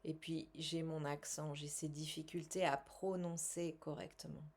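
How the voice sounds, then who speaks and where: Slow, soft-spoken woman guiding tapping. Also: sits low, steady tone. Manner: slow, soothing, repeats phrases. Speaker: tapping session guide. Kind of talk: guided tapping session.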